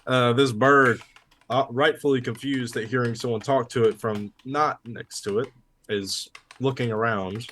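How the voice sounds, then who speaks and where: A man narrating and making rulings as game master, in a relaxed, easygoing way. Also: mid-range voice, measured pace, slight background noise.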